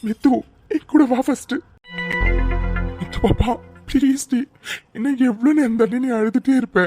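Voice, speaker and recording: A woman's voice: fairly high pitch, normal speed, music in the background, natural voice. A woman voicing a caring young man in a cartoon, coaxing his girlfriend to stop crying. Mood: tender coaxing. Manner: coaxing, tender. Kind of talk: cartoon voice acting.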